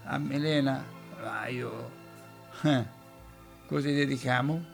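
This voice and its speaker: A man's voice: medium pitch, steady tone, vocal fry, soft background music. A man hosting a casual local radio show with an Ancona accent, joking with callers and reading letters and dialect verse aloud. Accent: Ancona dialect, Marche. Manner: jovial, teasing, reads verse slowly and warmly. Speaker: radio host.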